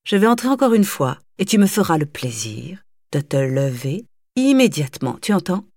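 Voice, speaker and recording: A woman voicing a stern, snobbish mother who scolds her daughter sharply and loudly. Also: lowish voice, sing-song, moderate pace, no room sound, studio quality. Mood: cold menace.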